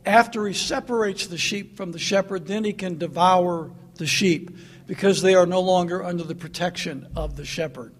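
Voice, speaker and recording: A man's voice: high-pitched, moderate pace. A man preaching a sermon in an earnest, emphatic way, repeating his points.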